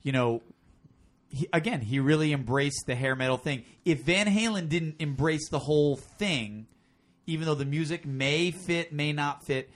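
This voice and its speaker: A man's voice: fairly high pitch, moderate pace. A man co-hosting a casual rock podcast, joking around and running down a bracket in a playful announcer voice. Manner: playful announcer voice when reading matchups. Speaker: podcast co-host. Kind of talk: casual chat, bracket rundown.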